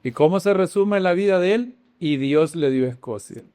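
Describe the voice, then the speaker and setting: A man teaching in a sermon style, animated, often asking his audience questions and dropping into hushed dramatic lines. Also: high-pitched, normal speed, clear, resonant tone, no room sound. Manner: animated, with sudden swings between loud exclamations and hushed dramatic lines. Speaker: Bible teacher.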